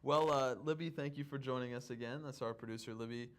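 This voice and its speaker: A man hosting a casual student talk show, joking and laughing between questions, his voice sitting at an ordinary middle pitch. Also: quick pace. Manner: jokey, laughs often. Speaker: host. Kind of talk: casual interview chat.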